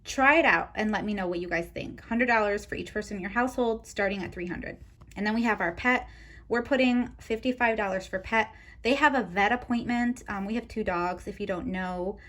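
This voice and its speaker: A woman talking to her viewers as a budgeting vlogger, casual and chatty. Her pitch sits right in the middle for a woman. She keeps a friendly, direct-to-camera flow, sprinkled with ums. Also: brisk, fairly bright tone. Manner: chatty, talks straight to viewers with frequent ums.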